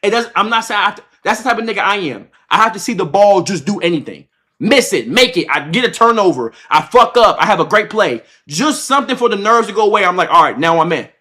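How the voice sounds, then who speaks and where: Fast and high-pitched, this twenty-something livestreamer retells a story to his chat in a casual reaction-stream style. He swears a lot, uses slang, repeats himself, and animatedly acts out quotes.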